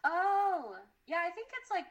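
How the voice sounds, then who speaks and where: A woman's voice: extremely high pitch, lively intonation, muffled recording. A young woman co-hosting a podcast, chatting casually and easily, laughing often and chiming in with short replies. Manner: easygoing, laughs often, quick back-channel replies. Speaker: podcast co-host. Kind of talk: casual chat.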